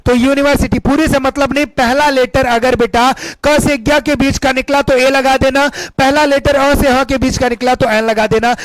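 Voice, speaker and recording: A man teaches English grammar in an exam-prep lesson, emphatic and repetitive, frequently questioning his students and calling them beta. His voice is very high-pitched, with no echo, and the recording quality is low.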